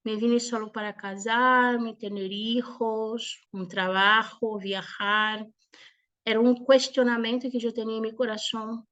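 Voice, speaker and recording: A Brazilian woman in her forties, a native Portuguese speaker, gives an informal religious testimony in a halting mix of Portuguese and Spanish. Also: a little high, level tone, a bit bright, dull audio. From southern Brazil. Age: 40s. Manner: hesitant, halting, with frequent pauses. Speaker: speaker giving a personal testimony.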